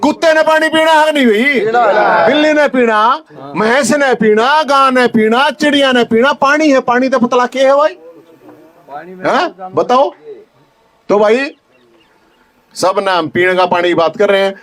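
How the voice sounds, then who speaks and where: A man with a Haryanvi accent giving a fiery rally speech in an outdoor protest tent, shouting repeated questions at his supporters. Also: very high voice, measured pace, long pauses. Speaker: activist leader speaking to supporters. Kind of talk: rally speech with call-and-response.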